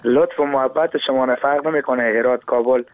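A man's voice: mid-range voice, fairly even intonation, soft background music. A man with a Herati Dari accent, a singer guest chatting politely on a radio show. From Herat, Afghanistan. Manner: polite, courteous greetings. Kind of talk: casual chat on a radio show. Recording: phone-like narrow sound.

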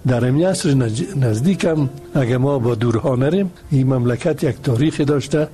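A man answers an interview question earnestly, pausing and restarting as he thinks. His voice is mellow and sits at a medium pitch. Soft music plays faintly behind him. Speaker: interview guest.

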